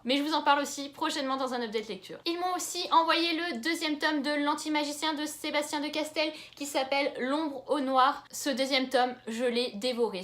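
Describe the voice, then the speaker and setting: A woman's voice: high-pitched, a bit bright. A young woman from France chatting enthusiastically in a casual book haul vlog. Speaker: book YouTuber.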